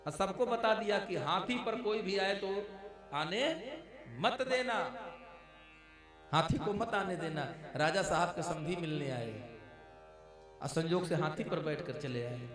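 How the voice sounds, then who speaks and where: A man with a high voice preaches a devotional story at an unhurried pace, acting out each character's lines and calling his listeners "maharaj". He sounds some way off from the mic in a large, echoey live venue. Devotional music plays clearly behind him. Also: distant mic. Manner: storytelling, acts out dialogue, addresses listeners as "maharaj". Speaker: Ram Katha preacher.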